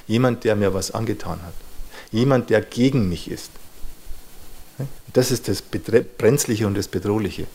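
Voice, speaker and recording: A man with a somewhat low voice lectures an audience on psychology. He speaks thoughtfully, pausing to find his words and dropping small fillers as he goes. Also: a little mellow. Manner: thoughtful, searching for words, frequent "ja" and "ne".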